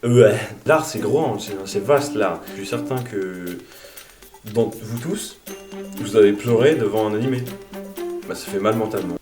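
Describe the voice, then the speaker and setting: A young man in his twenties answering viewer questions in a casual vlog, crude and self-mocking, breaking into mock-angry shouts. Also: fairly low pitch, measured pace. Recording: roomy sound from a distant mic with music. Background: background music.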